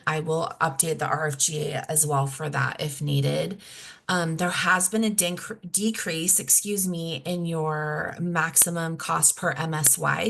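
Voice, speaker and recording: Woman on a webinar call, kinda low gravelly voice that's going hoarse, walks through budget rules. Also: fairly bright tone. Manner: plain, explanatory, self-correcting. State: losing her voice, clearing throat. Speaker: grant program presenter. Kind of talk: technical assistance webinar.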